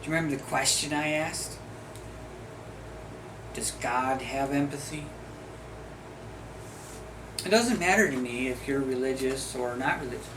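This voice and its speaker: A middle-aged man from the States drifts through a loose, chatty monologue, tossing in offhand jokes as he goes. His voice sits at an ordinary middle pitch. A clear bed of steady background noise runs under him the whole time. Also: measured pace, pauses often. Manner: chatty, wandering, with jokey asides. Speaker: video host. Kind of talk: casual rambling monologue.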